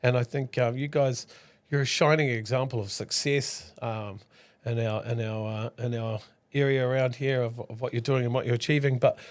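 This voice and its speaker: A man's voice: mid-range voice, steady tone, normal speed, hardly any pauses. A man hosting a casual interview, enthusiastic and chatty, with frequent agreeing fillers. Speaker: podcast host.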